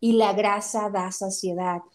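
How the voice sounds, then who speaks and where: A woman talks through breastfeeding and baby care. Her delivery is direct and explanatory, setting myths straight with plain, confident reasoning. Her voice sits at a middle pitch. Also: steady tone, a little slow. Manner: direct, myth-busting, explanatory. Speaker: parenting and breastfeeding advisor. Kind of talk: informative conversation.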